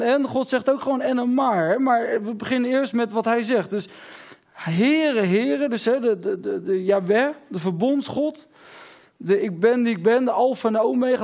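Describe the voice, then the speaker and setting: High-voiced man giving a casual sermon. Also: darkish tone. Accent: Dutch. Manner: casual, halting, many fillers and repeated words. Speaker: preacher. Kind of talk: informal sermon on a Bible passage.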